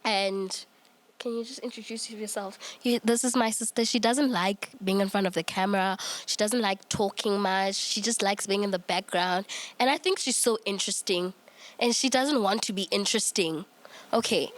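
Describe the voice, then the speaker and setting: A woman's voice: medium pitch, moderate pace. A woman in her twenties hosting a casual chat show, chatty and giggly with many restarts. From South Africa. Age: 20s. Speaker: podcast host.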